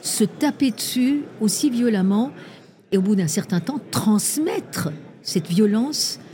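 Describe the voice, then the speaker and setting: A woman originally from Iran speaks as a guest in a conversational interview, earnest and persuasive as she carefully lays out figures. Her voice is medium-pitched with a dark tone, slow yet animated.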